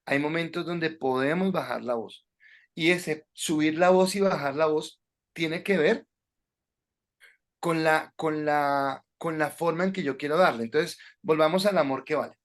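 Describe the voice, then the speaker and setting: Man with a higher voice teaching preaching. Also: a little slow. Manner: instructive, addresses the class directly with frequent hesitations. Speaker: preaching instructor at a Bible school. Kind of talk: classroom lecture on sermon delivery.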